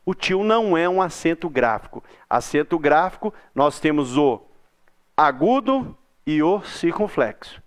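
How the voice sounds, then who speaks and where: A man with a Brazilian Portuguese accent teaching a recorded lesson in a chatty way, drawing out example words slowly. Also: on the high side, big pitch swings.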